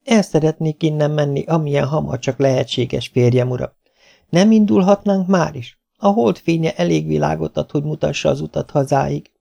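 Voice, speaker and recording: A man's voice: creaky, warm tone. A male audiobook reader voicing a frightened, stubborn young noblewoman in a raised voice. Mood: pleading. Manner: raised, pleading pitch. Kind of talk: audiobook character voice.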